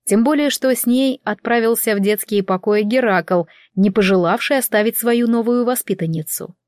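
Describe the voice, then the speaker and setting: A woman narrating a first-person audiobook with a wry, ironic, chatty tone. Her voice is fairly high, and the recording is very dry and close, with no room sound. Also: normal speed, darkish tone, no echo.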